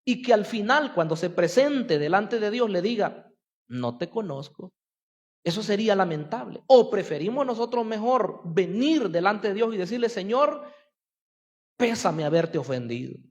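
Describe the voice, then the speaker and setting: High-voiced pastor preaching in a reverberant hall. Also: male voice, big pitch swings, normal speed, muffled recording. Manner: earnest, asks the congregation rhetorical questions. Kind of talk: sermon.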